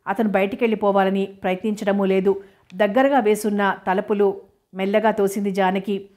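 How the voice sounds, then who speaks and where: A woman narrating a novel in an even, measured audiobook reading. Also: mid-range voice.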